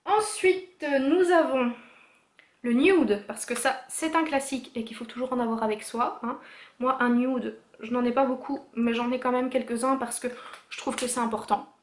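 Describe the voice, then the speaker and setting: A woman's voice: a little high, fairly even intonation, moderate pace, slight background noise. A woman presenting a casual make-up haul vlog, chatty and enthusiastic, with frequent fillers as she shows her purchases to the camera. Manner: chatty and enthusiastic, full of "voilà" and "euh". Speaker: beauty vlogger. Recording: echoey room.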